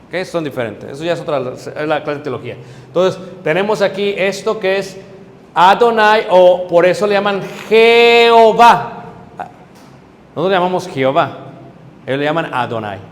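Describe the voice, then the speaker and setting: A middle-aged man, a preacher, teaching a Bible class, explaining step by step, checking in with his listeners and pausing on hesitant fillers. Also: fairly high pitch, animated. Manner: hesitant fillers while searching for words. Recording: reverberant hall with faint background noise.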